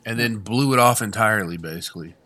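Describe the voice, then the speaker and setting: Male podcast co-host, bright tone, dry sound, animated casual ranter. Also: on the low side, fast talker, dry recording. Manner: animated storytelling, emphatic rants. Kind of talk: casual chat.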